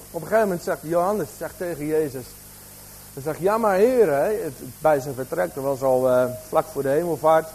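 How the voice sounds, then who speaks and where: Husky high-voiced preacher. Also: male voice, normal speed, darkish tone, low-quality recording. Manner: preaching with rhetorical questions to the congregation. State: slight cough. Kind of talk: sermon.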